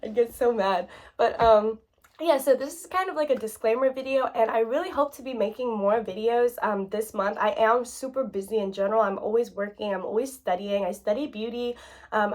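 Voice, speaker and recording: A woman's voice: a little high, moderate pace. A woman in her late twenties talking candidly to her viewers in a casual vlog, chatty and full of fillers, close to tears at times. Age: 20s. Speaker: YouTuber.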